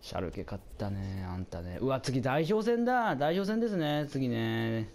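A man doing casual commentary over a football video game, chatting to his viewers and reacting out loud to the plays, his voice getting hoarse. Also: mid-range voice, big pitch swings, moderate pace, slight background noise. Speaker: gameplay commentator.

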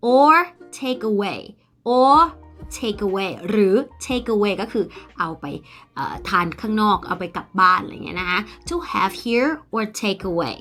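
A young Thai woman teaching English in a casual video lesson, explaining in Thai and saying English phrases slowly and clearly. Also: medium pitch, a bit bright, soft background music. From Thailand.

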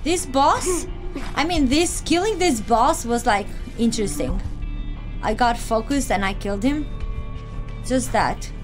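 Excitable woman gamer reacting. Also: a little high, measured pace. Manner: excitable, talks back to enemies, swears and laughs. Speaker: gaming streamer. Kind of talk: casual let's-play reaction commentary. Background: game music.

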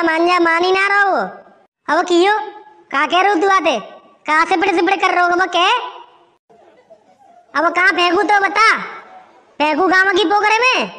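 Squeaky, bright cartoon village man, quick to swear and squabble , voiced by a woman. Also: in a large hall. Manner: rapid, squeaky, abusive rustic banter. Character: crude, quarrelsome rustic village man. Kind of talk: cartoon comedy voice acting.

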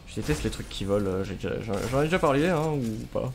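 A man's voice: medium pitch, expressive, fast, noisy background. A man, giving casual commentary on a gaming livestream. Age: 20s. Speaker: game streamer. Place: small room at home. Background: music.

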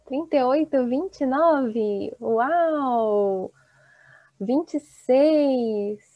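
A woman in her thirties teaching an online Portuguese class, slowly and encouragingly reading out students' chat replies. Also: high-pitched, no echo. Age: 30s. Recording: dull, dry video-call audio.

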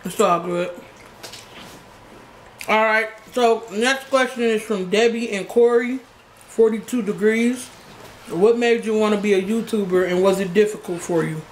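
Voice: medium pitch, measured pace. A young adult YouTuber with a blunt, slangy way of talking, answering questions in a casual, chatty style. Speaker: YouTuber host. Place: small living room, indoors. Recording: roomy sound with background noise.

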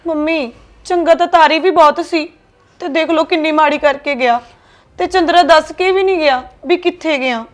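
A woman playing a young deserted wife who speaks gently and with sorrow. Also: high-pitched, normal speed, close to an everyday voice. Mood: sorrowful. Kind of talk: family drama acting.

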